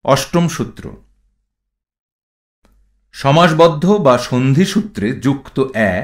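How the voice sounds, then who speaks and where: Male pronunciation instructor, mid-pitched, deliberate and very slow, reciting rules and example words. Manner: measured, reads rules and word lists one item at a time. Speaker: pronunciation teacher.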